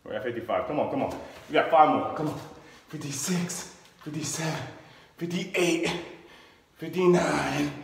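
A young man doing push-ups in a casual workout vlog, counting reps and urging himself on, strained and tired. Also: fairly high pitch. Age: young adult. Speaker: fitness vlogger. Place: concrete-floored garage or basement gym. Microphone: camera on floor a few metres away. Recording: echoey hard-walled room, background furnace noise.

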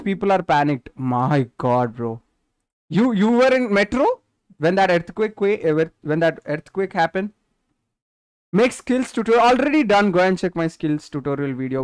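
With a smooth, somewhat high voice and no echo, a nineteen-year-old Indian English-accented man streams a football game and talks casually with his audience. The gaming streamer reads their messages aloud, chatting freely and answering questions straight.

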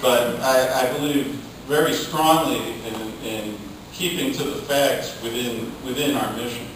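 A distant audience camera in a hotel conference ballroom records a middle-aged panelist who works in labor union communications. He answers in a mid-range voice, measured and halting, and the room sound makes the recording far away, strongly echoey and faintly noisy.

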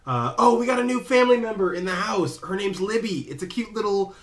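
A man's voice: high voice, expressive, brisk. A young man talking casually to the camera in a personal vlog, rambling, restarting sentences and joking with himself. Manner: rambling, self-interrupting, jokey. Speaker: vlogger.

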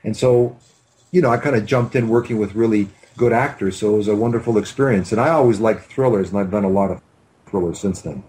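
A Canadian man who directs films talks fast in a lowish, slightly mellow voice, rambling and hesitating as he recalls the past during a video-call interview. The recording from his computer mic is rough, and he's in a home room with bookshelves.

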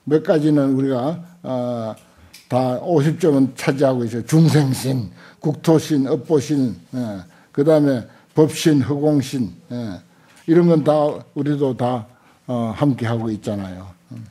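In an indoor lecture hall before a seated audience, an elderly man aged 70 or above lectures on Buddhist scripture through desk stand microphones. His medium-pitched voice is dark and husky. He speaks without hurry, pausing often with little interjections and repeating points emphatically.

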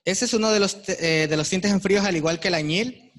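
A man with a fairly high voice runs a live textile workshop. He talks to the group in an encouraging, easygoing way, pointing out their work as he goes. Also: brisk, a bit bright. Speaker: workshop instructor. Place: workshop room with attendees.

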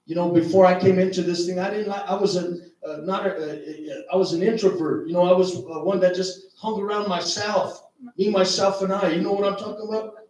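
A man's voice: high voice, steady tone, brisk. Man preaching in an echoey church. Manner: storytelling with many "man" and "you know", rising to shouts in retold prayers. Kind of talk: sermon with personal testimony. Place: church hall. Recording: echoey church hall, distant mic.

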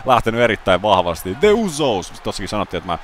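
A man giving excitable play-by-play commentary over a wrestling video game, bursting into loud exclamations. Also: lowish voice, slight background noise.

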